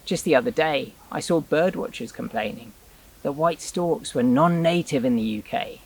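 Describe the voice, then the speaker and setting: A man's voice: on the high side, moderate pace, darkish tone, rough recording. A man presenting a rewilding explainer in scripted narration, with dry, wry asides.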